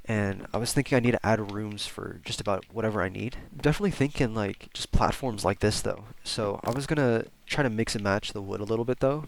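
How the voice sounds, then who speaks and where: Fairly low and creaky, the voice belongs to a young gaming YouTuber nursing a cold, sounding congested as he chats through his gameplay. He rambles with fillers and restarts, and a little hiss or hum sits under the recording.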